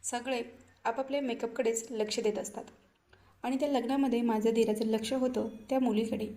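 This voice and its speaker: A woman narrating a first-person story in a calm, chatty storytelling manner. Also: on the high side, brisk.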